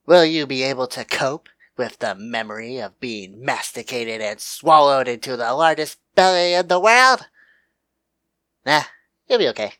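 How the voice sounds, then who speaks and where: A huge, greedy male otter, voiced by a man, coaxes the listener in a slow, drawn-out hypnotic drawl. His pitch sits squarely in the middle, and he teases with a sly, playful edge. The piece is an audio hypnosis roleplay. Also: expressive, fairly bright tone. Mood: teasing, playful. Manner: teasing, slow and coaxing, with chuckles.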